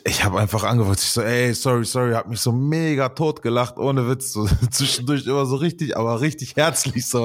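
A man's voice: mid-range voice, no echo, studio quality. A man casually telling a funny story in slangy street talk, laughing often.

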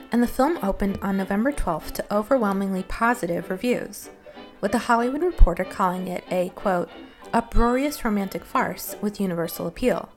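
Woman, medium pitch, articulate scripted film-essay narration, measured delivery, light music behind. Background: music under the voice.

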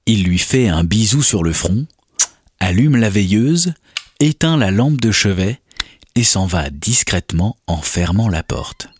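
A man's voice: lowish voice, sing-song, a little slow, breathy edge. A man narrating a scripted children's bedtime story.

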